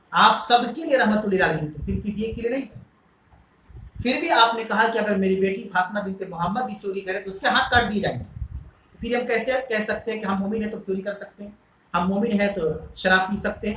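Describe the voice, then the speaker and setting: A Quran teacher explains verses in a bright, clear-edged voice. Arabic lines are recited slowly, followed by explanation and questions to the class. The sound is roomy and echoing. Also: medium pitch, slight background noise.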